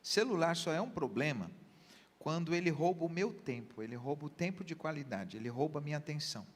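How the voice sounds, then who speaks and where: Brazilian pastor guy giving earnest couples advice, kinda high voice, reverby hall. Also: expressive, a little fast. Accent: Brazilian Portuguese. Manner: earnest teaching with everyday examples. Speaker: pastor, guest. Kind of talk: counseling talk on a church program.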